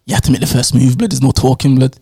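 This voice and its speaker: A man's voice: mid-range voice, quick pace, mellow, husky. A young man with a London roadman accent, a guest in a casual group chat, slangy and often repeating himself. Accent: London roadman, urban slang.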